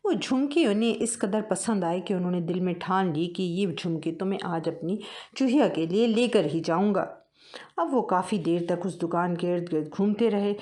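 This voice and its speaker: A woman narrating a funny children's folk tale, telling it in a lively, expressive way. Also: fairly low pitch, moderate pace. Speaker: storyteller. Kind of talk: storybook narration.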